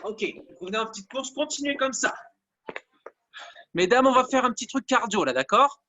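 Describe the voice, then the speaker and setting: A man's voice: very high voice, animated, moderate pace, sharp tone, lo-fi sound, a little hiss or hum. A man coaching a live online workout class, counting down reps and cheering people on. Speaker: fitness coach.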